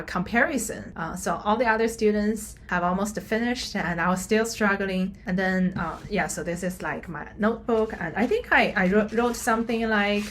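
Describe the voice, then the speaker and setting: A woman casually telling a personal story as a vlogger, often halting as she searches for her words. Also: mid-range voice, a bit bright. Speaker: software engineer.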